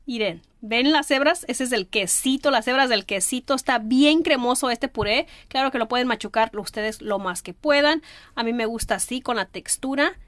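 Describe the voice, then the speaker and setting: A woman's voice: fairly high pitch, moderate pace, no echo. A woman narrating a cooking tutorial voice-over in a homey, enthusiastic way. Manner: warm, homey, enthusiastic about the food. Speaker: cooking channel host.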